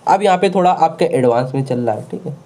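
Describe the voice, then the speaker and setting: A man's voice: on the high side, animated, quick pace, dark tone. A male teacher giving an online grammar lesson, who repeats words over and over and keeps asking rhetorical questions to check the class is following. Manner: repetitive, drilling words over and over.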